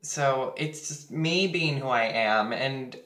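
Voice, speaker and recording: A teenage boy talks to his camera in an echoey room while he gets ready. He's candid, crude and rambling, full of fillers. His voice is bright, and he speaks slowly. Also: medium pitch. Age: teens. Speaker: vlogger. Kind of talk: casual vlog while getting ready.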